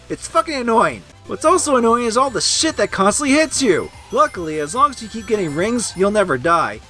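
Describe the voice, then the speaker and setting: High-pitched raging gamer man, sharp and ranting. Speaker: video game reviewer. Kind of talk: comedic angry gamer parody review, scripted narration with outbursts.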